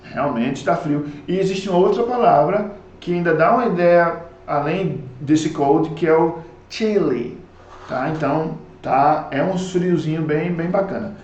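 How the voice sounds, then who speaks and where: A Brazilian man with a slightly raised voice explains English vocabulary in a lively, chatty teaching manner. He keeps checking in with his students as he goes. The recording has a noticeable echo of the room around him. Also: fairly high pitch, measured pace, dull audio. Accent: Brazilian Portuguese. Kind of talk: recorded online lesson.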